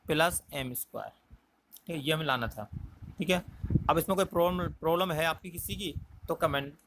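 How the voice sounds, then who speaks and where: A man's voice: high voice, fairly bright tone. A man teaches a maths lesson. He explains each step patiently and keeps asking the class rhetorical questions as he goes. A faint hiss stays under the recording.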